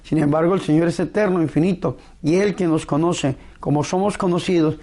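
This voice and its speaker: Higher-voiced male priest preaching. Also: fairly even intonation, mellow. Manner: solemn, pastoral, deliberate phrasing. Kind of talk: devotional sermon and prayer.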